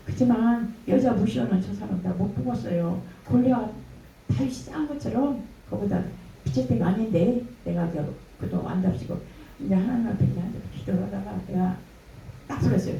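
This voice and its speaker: A woman's voice: medium pitch, fairly quick, vocal fry, dull audio. Older woman telling a testimony in an echoey room. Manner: animated storytelling, acting out quoted dialogue. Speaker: church member giving testimony. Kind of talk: spoken religious testimony. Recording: echoey room from a distance, faint noise.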